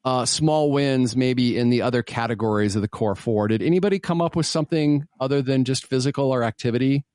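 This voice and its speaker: A man's voice: medium pitch, a little fast, a little mellow, no room sound, studio quality. A man hosting a podcast, guiding a casual chat in a thoughtful way and asking his co-hosts questions. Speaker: podcast host.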